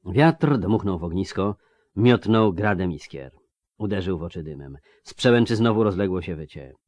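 Steady male narrator, low-pitched, dry studio sound. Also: normal speed, dry recording. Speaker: audiobook narrator. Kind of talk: scripted narration.

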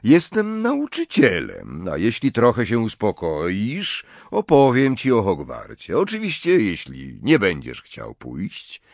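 A patient, gentle old wizard teacher speaks in a low, husky voice with lively inflection, as a man reading the story gives him voice. The sound is dry and close, unhurried and kindly firm. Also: dry recording, heavily acted.

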